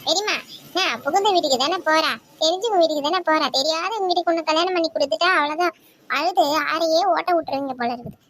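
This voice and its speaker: A woman voicing a lively, teasing young married village woman in a cartoon, chatty and playful. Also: very high-pitched, quick pace, slight background noise.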